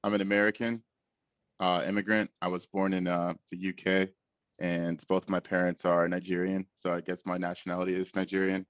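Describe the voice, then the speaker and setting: Deep, flat-voiced man, relaxed. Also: clean tone, no echo, highs cut off. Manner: relaxed, with many "uh" pauses. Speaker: interviewee. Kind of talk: documentary interview.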